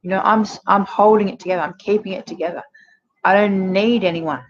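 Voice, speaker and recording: A woman's voice: medium pitch, steady tone, brisk. A woman in her forties giving frank, chatty relationship advice to camera, with many fillers. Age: 40s. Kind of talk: casual direct-to-camera advice. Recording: dull lo-fi sound with faint noise.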